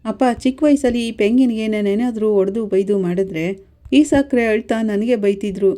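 A woman's voice: medium pitch, normal speed, warm tone, natural voice. A woman playing a wisecracking, teasing young son.

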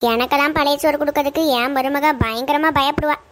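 A high, quick voice of a meddling cartoon neighbour, acted by a woman. She coaxes and stirs trouble slyly in Tirunelveli Tamil. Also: steady tone, a little hiss or hum, close to an everyday voice. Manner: sly, stirring trouble, coaxing. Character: meddling gossipy neighbour mother-in-law Parvathi.

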